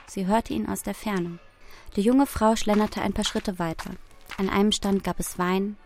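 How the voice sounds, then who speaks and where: A woman reads a story aloud in a calm, descriptive manner. Her voice sits at a middle pitch, and she paces the scripted narration evenly.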